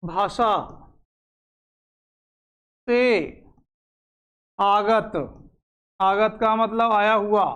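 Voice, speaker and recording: A man teaching a grammar lesson, dictating slowly, repeating phrases and asking questions he then answers himself. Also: high-pitched, flat delivery, a bit bright, smooth, dull audio. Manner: slow, repeats phrases for note-taking, asks and answers own questions.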